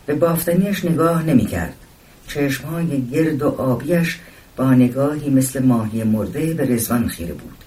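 A man reads a story aloud in a calm, measured voice. His pitch sits at an ordinary middle level for a man. The recording catches him from some distance away from the microphone. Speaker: narrator. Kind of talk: storybook reading. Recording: voice distant from the mic.

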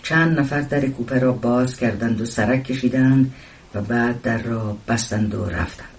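A man reads a story aloud in a calm, measured voice. His pitch sits at an ordinary middle level for a man. The recording catches him from some distance away from the microphone. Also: slight background noise. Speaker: narrator. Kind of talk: storybook reading. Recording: voice distant from the mic.

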